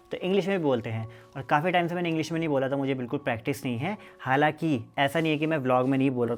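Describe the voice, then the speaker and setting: A young man from the Uttarakhand hills, vlogging casually and talking straight to his viewers outdoors at his village home. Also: mid-range voice. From Uttarakhand hills, India. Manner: chatty, quick, speaks to viewers directly. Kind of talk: casual village vlog talk to camera.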